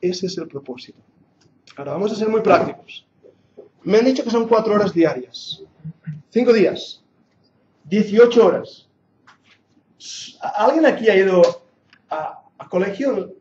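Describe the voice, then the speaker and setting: A high-pitched, expressive man in his forties from Catalonia, Spain, teaches a Bible class at a measured pace with long pauses, his tone a little mellow. His accent combines Catalan Spanish with English, and his earnest, jokey lesson rises into emphatic, sermon-like preaching. A handheld or lapel mic records him in a muffled, echoey hall with a little hiss or hum.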